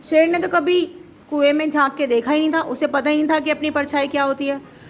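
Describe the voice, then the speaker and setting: Woman storyteller, high voice, lively, quizzes the kids, for a children's storytime. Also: a little fast, a little hiss or hum. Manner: lively, asks the children questions.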